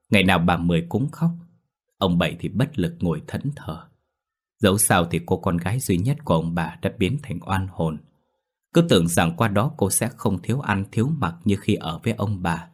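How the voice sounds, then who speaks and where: A man narrating a ghost story in a somber, measured way. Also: sits low.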